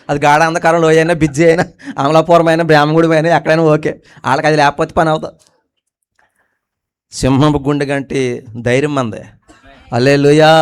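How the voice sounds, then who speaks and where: A male pastor delivers a sermon in a high, smooth, resonant voice. He keeps throwing questions at the congregation and drops from forceful emphatic lines to quiet, low asides. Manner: preaching with call-and-response questions to the congregation.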